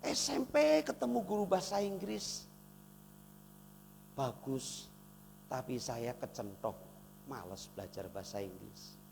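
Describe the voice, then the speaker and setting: Gravelly-voiced male pastor preaching. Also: medium pitch, measured pace, long pauses. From Indonesia. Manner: swings from loud emphatic preaching to soft intimate asides. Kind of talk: sermon. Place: church hall. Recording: reverberant church hall, faint noise.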